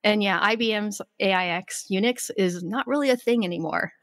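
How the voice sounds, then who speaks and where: A woman's voice: mid-range voice, brisk, a bit bright, big-room sound. A woman co-hosting a casual podcast, upbeat and giggly as she chats. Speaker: podcast co-host. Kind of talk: casual chat.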